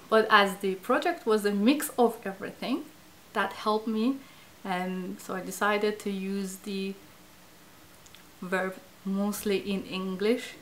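A woman in her thirties from Iran, a native Farsi speaker with a Persian accent, reflects to camera as an interviewee in a language project, filmed in a small indoor studio. Her mid-range voice is fairly bright, and she hesitates often, searching for words and using many fillers. Slight background noise is present.

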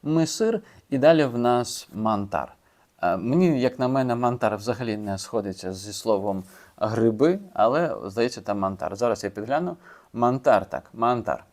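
A man's voice: on the low side, expressive, moderate pace, darkish tone. A man casually explaining how he learns vocabulary, chatty and informal, with fillers and restarts. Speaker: language learner sharing his method. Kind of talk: casual video lesson.

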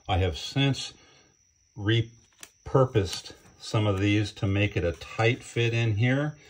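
Low, husky-voiced older man reviewing gear. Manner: relaxed, plain-spoken, with fillers. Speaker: channel host reviewing batteries. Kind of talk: casual hands-on product review. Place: indoor workbench.

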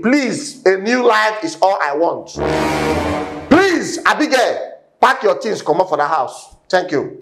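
A man with a Nigerian Pidgin accent playing a cheeky, broke young man who begs and jokes his way through trouble in a comedy skit. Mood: indignant. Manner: comic, pleading, shifting pitch.

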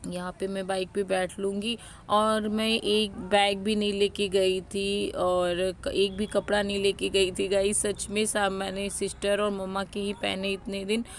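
A young woman from Uttar Pradesh narrates her family vlog in a chatty way, talking straight to her viewers. Her voice has a gravelly, creaky texture and stays fairly level in pitch. A faint noise sits under her voice. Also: little pitch movement, unhurried. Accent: Uttar Pradesh Hindi. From Uttar Pradesh, India. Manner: chatty, addresses viewers as guys. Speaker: family vlogger. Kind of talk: casual vlog narration over footage.

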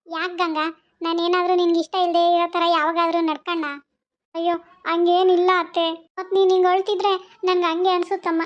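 Cartoon mother-in-law voiced by a woman, worried coaxing tone, very high pitch, dull lo-fi. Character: caring older mother-in-law, anxious and fussing. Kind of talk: cartoon voice acting. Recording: dull lo-fi recording.

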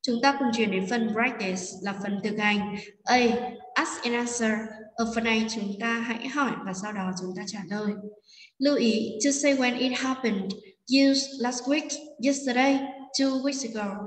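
A woman's voice: a little high, a little slow. A woman teacher explaining a lesson step by step, patiently, with frequent check-ins with her students. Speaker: English teacher. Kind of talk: recorded classroom lesson explanation. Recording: echoey room, long reverb, voice distant from mic.

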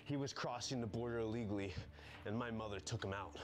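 A man voicing a smug man who defends a killing, talking in a low voice. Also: fast talker, natural voice.

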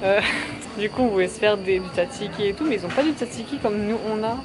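Talking fast in a mid-range voice, a young French vlogger in her twenties chats jokingly as she wanders streets and a supermarket, laughing a lot. Crowd noise surrounds her, picked up by a handheld camera held low at arm's length, both inside and outdoors.

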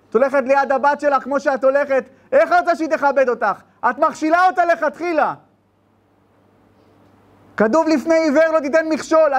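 High-voiced impassioned rabbi preaching. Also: male voice. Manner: impassioned storytelling preacher, rhetorical questions. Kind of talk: sermon.

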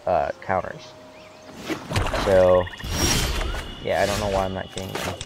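A young man with a deep, low voice talks through a card game in relaxed, wry commentary. He thinks aloud with plenty of fillers and has the hiccups. Loud music plays behind him. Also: measured pace, gravelly. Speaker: gamer. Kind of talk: casual gameplay commentary.

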